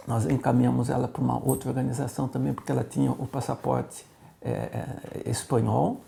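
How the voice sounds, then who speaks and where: Gravelly Brazilian pastor, vivid storyteller. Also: male voice, medium pitch. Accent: Brazilian Portuguese. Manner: animated, acts out quoted voices in his stories. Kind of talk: interview storytelling.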